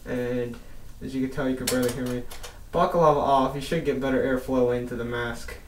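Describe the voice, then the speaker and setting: A man's voice: mid-range voice, fairly even intonation, fairly quick, a little hiss or hum. A young man casually reviewing an airsoft mask indoors, his voice muffled by the balaclava and mask he is wearing. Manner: casual, rambling, mild swearing. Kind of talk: casual gear review vlog. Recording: roomy, distant camera audio.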